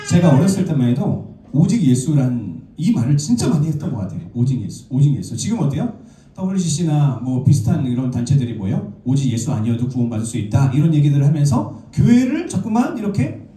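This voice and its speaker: A Korean man preaches in a lively, sing-song way. His voice is dark and mellow, and it rings through a roomy church from a mic some way off. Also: fairly high pitch, distant mic. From South Korea. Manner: lively storytelling preacher, asks the congregation questions. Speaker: pastor. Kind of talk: sermon. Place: church sanctuary.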